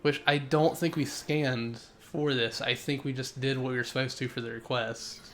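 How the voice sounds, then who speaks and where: A man's voice: medium pitch, fairly even intonation, normal speed. A young man streaming a game live, chatting with viewers, rambling and correcting himself as he goes, sneezy today. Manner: chatty, reads chat aloud, rambling self-corrections. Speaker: gaming streamer. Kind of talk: live gameplay commentary.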